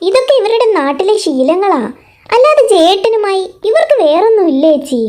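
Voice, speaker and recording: A woman playing a lively young woman who talks briskly and coaxes others to calm down. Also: very high voice. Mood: coaxing.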